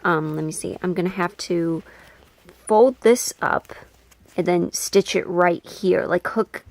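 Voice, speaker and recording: Her voice is lowish, slow and somewhat dark in tone as she chats her way through a craft project. She's a sewing video creator, quick to mock herself and to drop a casual swear word in this relaxed vlog.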